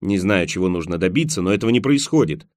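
A man's voice: low voice, lively intonation, quick pace, a little mellow, no room sound. A male reader voicing a wry, practical Englishman in an audiobook, talking in a dry, joking way. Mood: disgusted.

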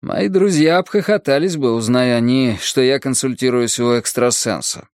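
A man voicing an enraged, determined brother in an audiobook, speaking slowly and gravely. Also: mid-range voice, dry recording, studio quality, close to an everyday voice. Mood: brooding. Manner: slow, grave. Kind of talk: audiobook character voice.

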